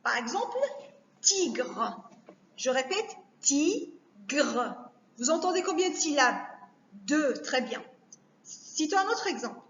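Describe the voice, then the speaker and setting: A woman teacher giving a recorded lesson to young children, speaking slowly and carefully, repeating each word to break it down. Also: sits high, animated, a bit bright, slight background noise. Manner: slow, careful, repeats words to spell them out. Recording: echoey room, dull lo-fi sound.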